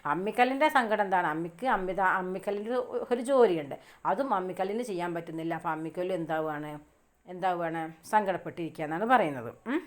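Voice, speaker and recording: A woman teaching a class, explaining a poem line by line and answering her own questions. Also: lowish voice. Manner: asks the class questions and answers them herself; reads verse lines slowly.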